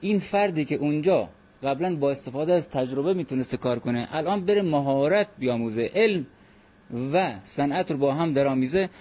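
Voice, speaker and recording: A man in a formal radio interview, speaking earnestly and at a measured pace. His voice sits a little high and has a mellow, soft tone. He often pauses on hesitant fillers. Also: animated. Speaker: guest expert.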